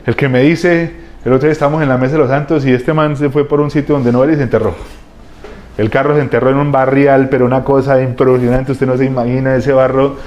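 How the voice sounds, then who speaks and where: A man preaching a sermon as a pastor, telling lively, humorous stories full of slang. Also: medium pitch, fast talker, highs cut off.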